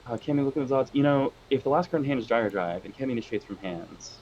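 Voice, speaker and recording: A man's voice: mid-range voice, expressive, fast, a little mellow, slight background noise. A man co-commentating a card game match, analytical with dry jokes, heard over a weak, lo-fi connection. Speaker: co-caster. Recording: dull lo-fi sound from a weak connection.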